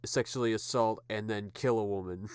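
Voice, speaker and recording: A podcast co-host in casual chat, reacting bluntly and with disbelief, often swearing. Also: male voice, lowish voice, steady tone, moderate pace, smooth. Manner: blunt, incredulous reactions, profane.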